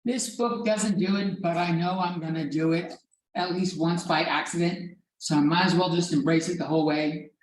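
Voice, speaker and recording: A woman's voice: on the low side, steady tone, moderate pace, echoey room, a little hiss or hum. A woman teaching a math class as professor, in a casual, digressive way with some swearing, recorded from far off in a classroom. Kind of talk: classroom lecture.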